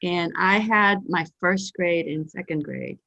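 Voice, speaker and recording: A woman's voice: fairly low pitch, a little slow, gravelly, bright, forceful tone. A woman from Taiwan hosting a casual interview over a video call, talking in a rambling way with many fillers and restarts. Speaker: host. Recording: dull lo-fi call audio.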